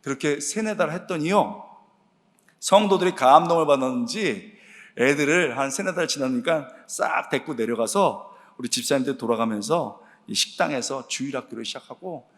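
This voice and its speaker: A middle-aged male preacher tells a story from the pulpit, his slightly high voice leaping up and down as he calls out to the congregation. His words ring through a large church with a long, lingering reverb. The delivery is lively and exclamatory throughout. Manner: animated, exclamatory storytelling that addresses the congregation directly. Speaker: guest preacher and preaching professor. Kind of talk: storytelling sermon.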